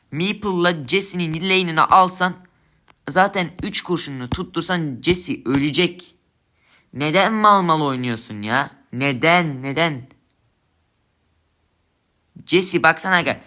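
A man's voice: a little high, bright, forceful tone. A young man giving angry gameplay commentary, swearing and ranting at his teammates in frustration. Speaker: gamer streamer.

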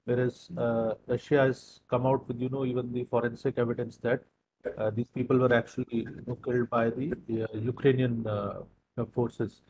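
A man's voice: medium pitch, level tone, normal speed, darkish tone, breathy edge, rough recording. A man moderating an interview, asking long, wordy questions with fillers.

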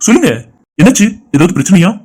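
Man doing a pushy helpful cartoon friend, high bouncy voice, very fast. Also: big pitch swings, a little mellow. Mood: concerned. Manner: pressing, insistent questions. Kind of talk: animated cartoon dialogue.

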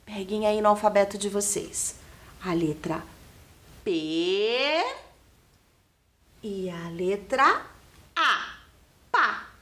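Speaking in a mid-range, fairly bright voice, this Brazilian Portuguese-accented primary teacher is animated, draws out her words, and pauses often. In a televised-lesson classroom studio, she spells letters and syllables for young children and repeatedly quizzes them.

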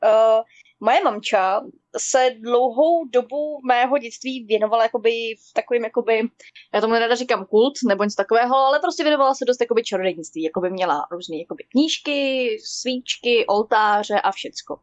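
A woman's voice: a little high, no echo, muffled recording. Rambling woman telling a spooky story. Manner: rambling, constant filler words. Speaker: guest storyteller. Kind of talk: casual storytelling on a stream.

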